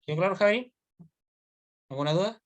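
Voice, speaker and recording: A man's voice: high voice, brisk, dry recording. A man teaching an online Hebrew grammar class, explaining step by step and often checking that students follow.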